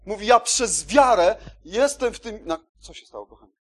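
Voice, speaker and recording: Husky-voiced man preaching with emphasis. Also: high voice, expressive, moderate pace, a bit bright. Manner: emphatic, repeats key words, checks in with listeners. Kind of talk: sermon.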